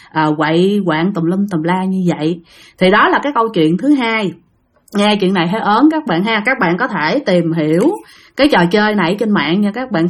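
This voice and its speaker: Husky woman telling ghost stories. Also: medium pitch. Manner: chatty, talks straight to listeners. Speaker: storyteller. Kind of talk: casual spoken ghost-story telling.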